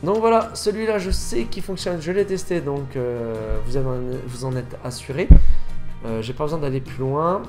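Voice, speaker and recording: A man's voice: on the high side, animated, moderate pace, darkish tone, faint music behind. A man chatting casually over gameplay, rambling and often correcting himself mid-sentence. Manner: rambling, self-correcting, fillers. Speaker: gaming youtuber.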